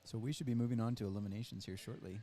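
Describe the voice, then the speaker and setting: A man doing casual live commentary on fencing matches, laid-back and measured in his remarks. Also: fairly low pitch, steady tone, warm tone.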